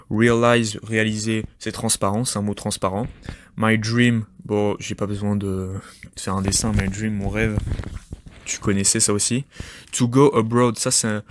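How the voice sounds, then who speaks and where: Low-voiced man teaching casually. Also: a little hiss or hum. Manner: informal, many hesitations and repeated words. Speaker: English teacher, podcast host. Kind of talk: casual spoken lesson. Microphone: podcast microphone.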